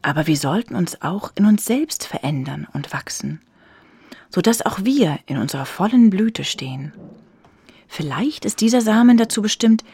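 A woman voicing a gentle, wise female flower fairy in a children's story, speaking calmly. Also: mid-range voice, moderate pace, husky, no room sound.

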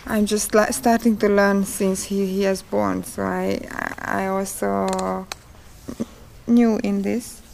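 Leading a folk dance class, a native Hungarian speaker with a Hungarian accent responds to interview questions in slow, halting speech full of pauses. She has a creaky, darkish mid-range voice and a flat delivery, with slight hiss or hum in the background.

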